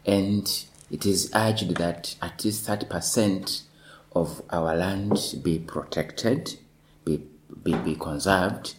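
A man from Tanzania, a lawyer, speaking in a measured way in a discussion and repeating words as he thinks. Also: low voice, background noise. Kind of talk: panel discussion.

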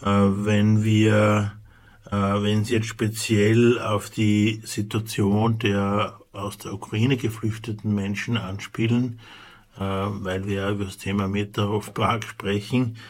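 A man with an Austrian accent, a charity official, explaining in a measured way with frequent hesitations. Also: lowish voice, little pitch movement. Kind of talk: radio interview answers.

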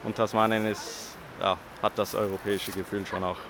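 Low-voiced man, outdoor street interview. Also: normal speed, background noise. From Western Australia. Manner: relaxed, hesitant with fillers. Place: outdoors by a river in a city.

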